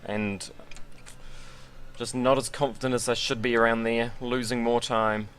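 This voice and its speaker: A man's voice: medium pitch, flat delivery, a little slow, a bit bright. Man muttering racing commentary over background noise. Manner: rambling, self-deprecating. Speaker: sim racing streamer. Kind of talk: casual gaming commentary.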